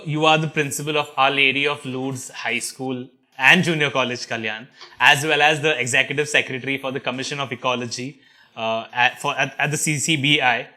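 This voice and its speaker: A man's voice: medium pitch, sharp tone. A man with an Indian English accent hosting a casual interview, asking questions in a playful, teasing way. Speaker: interview host.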